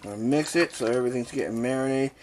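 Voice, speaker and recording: A man's voice: medium pitch, very fast, darkish tone, slight background noise. A man hosting a casual cooking vlog from his kitchen, joking and rambling as he adds ingredients step by step. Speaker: cooking channel host. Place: home kitchen.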